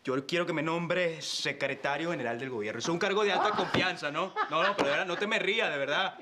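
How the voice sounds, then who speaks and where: A man's voice: fairly high pitch, quick pace, background noise, close to an everyday voice. An actor playing a cheeky, jobless young man who begs his father for a job in a telenovela. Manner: cheeky, pleading with a laugh. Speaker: son in a telenovela. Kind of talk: telenovela acting. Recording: soap opera scene with music behind.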